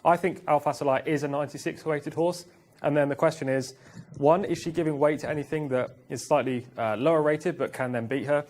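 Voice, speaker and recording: Fast-talking man breaking down race form. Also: a little high, steady tone, darkish tone. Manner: quick, confident form analysis. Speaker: studio racing analyst. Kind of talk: live racing broadcast analysis. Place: TV studio.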